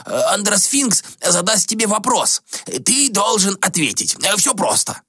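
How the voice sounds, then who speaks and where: A man's voice: high-pitched, very animated, unhurried, bright, forceful tone, slightly rough, no room sound, studio quality, voice pushed up, heavily acted. A man voicing an old ascetic who speaks in a hesitant, formal, mumbling way. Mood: fussy. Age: older. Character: old male ascetic, fussy and meek.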